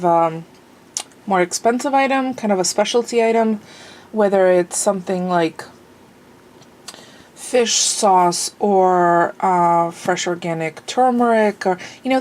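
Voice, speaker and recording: This is a casual indoor home vlog where a woman chats and rambles, a bit sniffly, scattering fillers throughout. She speaks in a mid-range voice that has a darkish quality.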